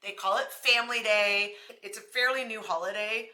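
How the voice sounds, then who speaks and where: A woman's voice: mid-range voice, fairly even intonation, moderate pace, sharp tone, roomy sound. A young pregnant woman from Canada, chatting casually to camera with a self-deprecating, laughing manner. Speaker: vlogger.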